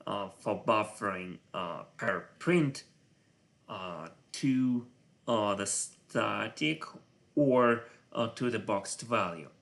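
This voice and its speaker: A man whose first language is Russian, speaking English with a Russian accent while thinking aloud on a live coding stream, halting and full of filler sounds. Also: on the low side, creaky, a bit bright. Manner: halting, many filler sounds, muttering to himself; self-conscious about his English voice.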